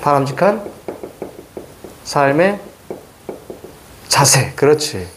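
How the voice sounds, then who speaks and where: A middle-aged man teaching Korean literature for exams, lecturing in a lively way and firing quick questions at his students. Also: on the high side, a little hiss or hum. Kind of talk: exam-prep lecture.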